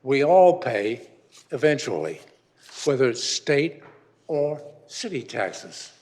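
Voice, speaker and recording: A man's voice: medium pitch, sing-song, slow, darkish tone. A man in his eighties giving a rambling, grumbling public comment at a city council meeting. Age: 80s. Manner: rambling and grumbling, with frequent restarts.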